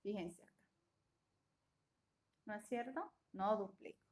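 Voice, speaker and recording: Slow, deliberate woman teaching grammar. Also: medium pitch, a little mellow. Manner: slow and deliberate, often checking with a questioning "¿ya?". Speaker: English teacher. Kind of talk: classroom grammar lesson.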